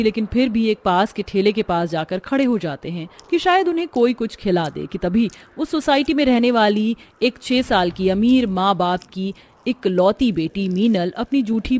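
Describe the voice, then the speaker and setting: A woman giving steady, scripted narration for a cartoon story. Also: medium pitch.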